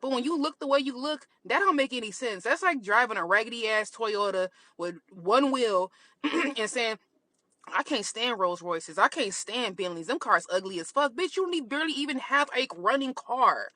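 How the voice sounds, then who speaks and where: A woman rants straight at the camera, scolding and blunt, with plenty of swearing. Her voice sits a touch high and bright. The recording is close and dry, with no room sound. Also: animated, normal speed, no room sound. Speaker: commentator reacting online. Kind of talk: casual rant video.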